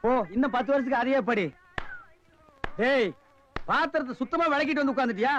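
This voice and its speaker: An actor playing a mocking loudmouth man who berates beggars with quick, sarcastic insults in film comedy dialogue, from a dull old film soundtrack. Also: very high voice, a little hiss or hum. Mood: scolding.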